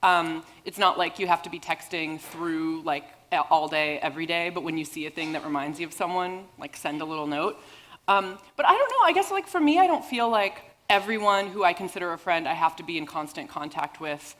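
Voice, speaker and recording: A woman's voice: fairly low pitch, a little fast, fairly bright tone. Woman co-host musing on stage. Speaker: podcast co-host. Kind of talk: live podcast Q and A. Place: event stage before an audience.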